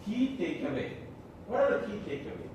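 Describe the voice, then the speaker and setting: A man's voice: high-pitched, sing-song, a little fast. Malayalam-accented male trainer in an echoey room. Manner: rhetorical questions, checking that listeners follow. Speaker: corporate trainer leading a discussion session. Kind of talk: interactive training talk to an audience. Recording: echoey room, distant mic, loud background noise.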